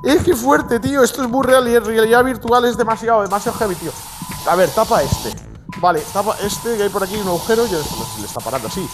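A man doing excitable gameplay commentary, bursting into shouts and laughs between mumbled asides. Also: high voice, quick pace. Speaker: gaming video host. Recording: music playing behind.

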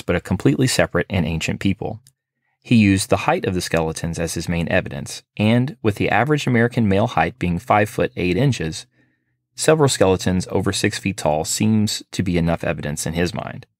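Male podcast host, deep and dry, measured reader of scripted history. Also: dry recording. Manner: steady, measured reading.

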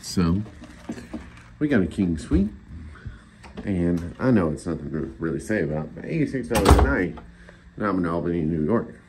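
A man's voice: sits low, very animated, normal speed, pauses often. A man in his forties chatting casually and bluntly in a rambling, mildly profane handheld vlog. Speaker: travel vlogger. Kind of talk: casual vlog chat, reviewing a motel room. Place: hotel rooms and hallways, indoors. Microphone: phone at arm's length. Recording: noisy handheld phone recording.

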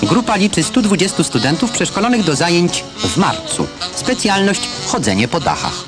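Man, old newsreel narration, fairly high voice, lively rising and falling pitch, loud music score behind. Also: normal speed. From Poland. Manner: crisp declamatory commentary over footage. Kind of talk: 1970s newsreel voice-over narration. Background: loud film score music.

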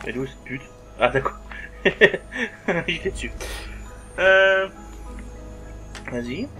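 A man's voice: medium pitch, expressive, slow pace, pushed and bright, faint music behind. A man with a swearing, joking manner, giving a let's play commentary and talking back to the game. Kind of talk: gameplay commentary.

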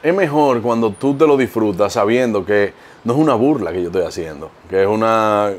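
A man's voice: fairly low pitch, a little fast. A Dominican man, an impressionist comedian, telling stories and explaining his craft in a casual interview. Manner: lively storytelling, explains with examples.

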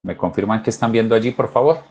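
A man teaching English over a video call, emphatic and urging his students to practice out loud. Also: on the low side, quick pace, highs cut off. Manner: emphatic, coaxing students to repeat. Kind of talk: online class teaching.

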